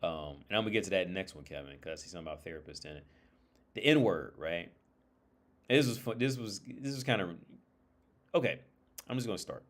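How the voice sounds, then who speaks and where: A livestream host with a lowish voice talks on his own in a casual, rambling monologue full of anecdotes, loose and informal as if thinking aloud. He swears a lot and often repeats or restarts a phrase before moving on. He's expressive and fairly quick, with long pauses.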